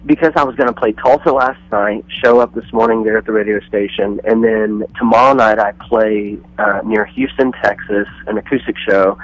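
A man's voice: on the low side, moderate pace, few pauses, no echo, highs cut off. A man calling in over the phone as a touring musician guest, rambling through stories and acting out what people said to him. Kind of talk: casual radio phone interview.

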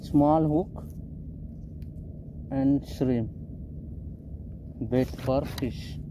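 A middle-aged fishing vlogger speaks extremely slowly, his medium-pitched voice fairly even, while fishing from a small boat at sea. He chats casually to viewers, calls them "guys," and uses simple phrasing. Boat and water sounds come through a noisy background on his arm's-length phone recording.

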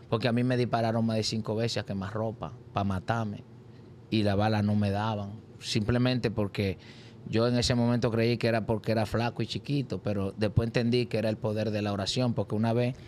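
A man tells his story as an interview guest. He slips into the voices of the people in it, now and then with sudden high cries. Faint background noise sits under his voice. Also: darkish tone. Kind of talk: animated personal testimony.

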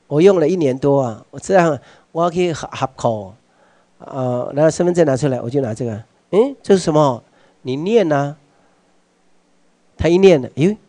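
A man with a Taiwanese accent giving a workshop lecture to a live audience. He puts questions straight to listeners and slips into Hokkien phrases, moving between quiet asides and loud urging. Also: a little high, dry recording. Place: meeting hall with an audience.

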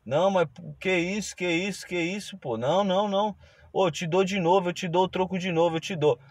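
A man's voice: high-pitched, a little fast, no echo, voice pushed up. A man voicing a nervous young male street vendor who protests anxiously. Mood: flustered.

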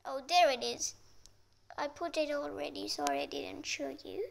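A woman chatting casually as a vlogger, talking in a sleepy way and often dropping to a hushed near-whisper. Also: sits high, creaky. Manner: slow and sleepy. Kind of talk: casual vlog narration.

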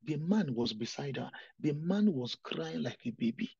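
A man's voice: on the high side, expressive, moderate pace, creaky, warm tone, breathy edge, dry recording, muffled recording. A young man preaching a sermon as a pastor, earnest and pleading with his listeners.

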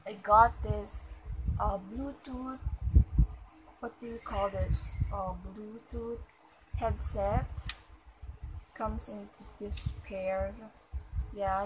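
A woman's voice: mid-range voice, background noise. A young adult woman with a Filipino accent, chatting casually as a vlogger in a haul video, recorded in a small room at home. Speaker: vlogger showing shopping haul.

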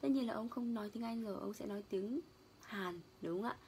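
A woman's voice: a little high, a little mellow, slight background noise. Woman teaching English vocabulary. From Vietnam. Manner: explains word stress and meanings, reads English quotes slowly. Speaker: English lecturer. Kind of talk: vocabulary lesson.

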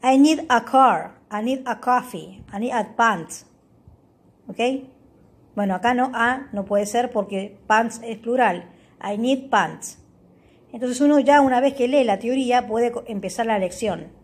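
A woman with a slightly high, husky voice guides viewers through an app tutorial. She explains each step patiently, reads example words aloud, and keeps checking in with a quick "ok?". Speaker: tutorial host.

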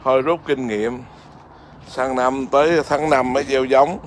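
A man's voice: mid-range voice, fairly even intonation, measured pace, a little hiss or hum. A man, a Buddhist monk, chatting casually outdoors in his garden and keeps asking his viewers whether they see. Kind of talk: casual home vlog.

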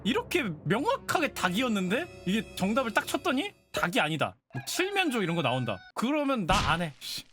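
A woman's voice: fairly high pitch, huge pitch swings, fairly quick, hardly any pauses, a bit bright, soft background music. A woman streamer chatting casually and playfully, exclaiming and guessing aloud. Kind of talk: casual live-stream chat.

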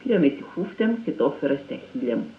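A man calmly reading a first-person literary passage. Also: mid-range voice. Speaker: reader. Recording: tinny phone-like and echoey.

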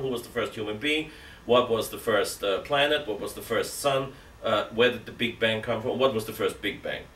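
A man's voice: medium pitch, fairly bright tone. A middle-aged man, a priest, giving a seated catechism talk, reasoning aloud with emphatic rhetorical questions and gesturing with both hands. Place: indoor room with armchair. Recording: roomy, distant from mic, faint hiss.

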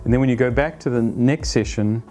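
A man in his fifties explaining a team planning practice to camera as an agile coach, conversational and animated, on a lapel mic in a plain studio. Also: medium pitch, fairly quick, soft background music. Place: plain studio against a light wall.

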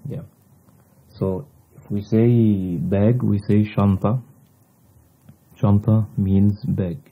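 A man whose native language is Arabic, teaching a language lesson in deliberate, halting short phrases on a slightly dull recording. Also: fairly low pitch, level tone. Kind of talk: slow instructional language lesson.

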